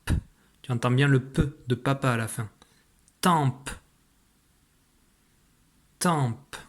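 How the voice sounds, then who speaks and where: A male teacher leads a spelling dictation at a calm middle pitch. He is patient and clear and stretches out each sound for the listener. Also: brisk. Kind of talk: recorded spelling dictation lesson.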